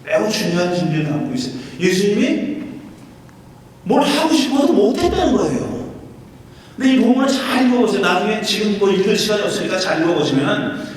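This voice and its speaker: Male pastor preaching, high voice, sounds far from the mic in a big echoey church, faint hum behind. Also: brisk. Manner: animated, emphatic preaching with sudden loud and soft turns. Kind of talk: sermon. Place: church sanctuary.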